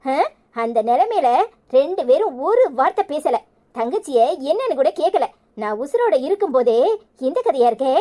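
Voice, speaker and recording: A woman voicing a fierce, sharp-tongued older village mother in a Tamil cartoon, speaking with a Tirunelveli accent and cursing freely. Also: sits high, very animated, moderate pace. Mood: bitter. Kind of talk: cartoon voice acting.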